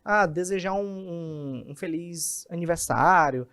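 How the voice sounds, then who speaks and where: A man, a communication specialist, explaining in an animated podcast interview and acting out examples. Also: fairly high pitch, a little slow. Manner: animated, acts out examples in quoted voices.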